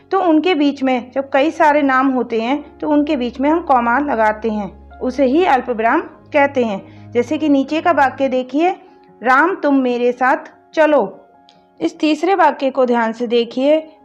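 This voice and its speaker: A woman teaching a grammar lesson, explaining each point and reading example sentences slowly and deliberately. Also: high-pitched. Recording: dull lo-fi sound with faint music behind.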